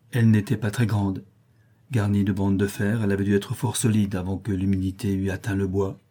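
A man reading a novel aloud as narrator, with steady, measured storytelling. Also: fairly low pitch, breathy edge. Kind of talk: audiobook reading.

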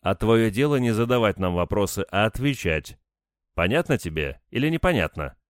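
A man voicing a gruff, impatient male interrogator who talks down to the woman he questions. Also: lowish voice, lively intonation, normal speed, no echo, clean studio sound, voice pushed up, close to an everyday voice. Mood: brusque. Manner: brusque, condescending.

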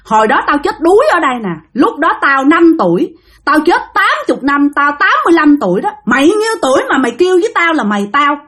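A woman's voice: big pitch swings, quick pace. A woman voicing an old male drowned ghost possessing a young woman, growling and threatening. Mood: menacing. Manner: growling, threatening, shouting high. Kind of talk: storytelling.

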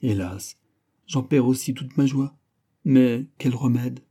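A man voices a young man of honor, torn by grief and speaking with earnest sorrow in a storybook reading. The tone is mellow and dark, with a husky edge. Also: medium pitch, takes it slowly. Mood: sorrowful.

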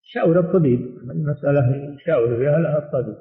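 A man teaching a religious lesson and answering questions, speaking in a measured way and often repeating his phrases. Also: on the high side. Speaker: sheikh teaching hadith commentary. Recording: echoey room over a tinny phone-like line.

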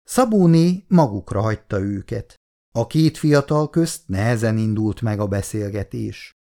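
A man narrating a story in a steady, measured way. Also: fairly low pitch. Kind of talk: storybook reading.

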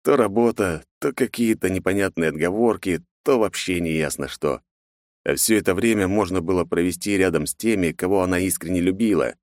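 A man narrating an audiobook in a measured, expressive way. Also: low voice, dry recording, studio quality.

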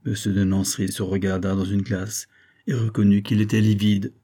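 A man reading a classic novel aloud as an audiobook narrator, in a measured, even storytelling manner. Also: on the low side. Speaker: audiobook reader.

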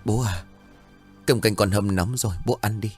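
A caring young daughter in a spoken story, voiced by a man in his own low register. She coaxes and pleads softly but firmly. Faint music plays behind. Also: normal speed, husky. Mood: coaxing. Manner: coaxing, pleading.

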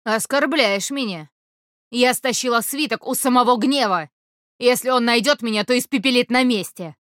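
A man's voice: extremely high pitch, moderate pace, a bit bright, no room sound, studio quality, pitched above the performer's own voice. A man voicing a brash, teasing little horned female demon in an audiobook. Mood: haughty. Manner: teasing, cheeky.

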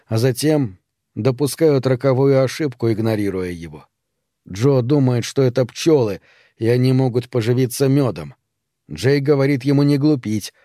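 A man reads a story aloud in a measured, grave way, like a practised audiobook narrator. His voice is dark and mellow, recorded dry and close with no room sound. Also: medium pitch, no echo. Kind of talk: scripted narration.

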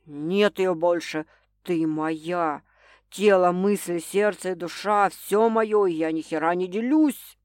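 Woman reader doing a gruff, jealous male boss, low and menacing, dry close sound. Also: slow pace, a little mellow, no echo. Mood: menacing possessive. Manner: growling, snapping, hissing threats. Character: domineering possessive drunk male boss.

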